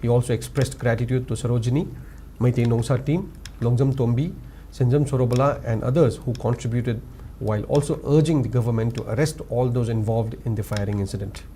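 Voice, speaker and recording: A male news anchor with a Manipuri English accent, reading scripted headlines in a formal, measured way. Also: mid-range voice, fairly even intonation, dark tone, a little hiss or hum. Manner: formal, measured, lifts each story opening.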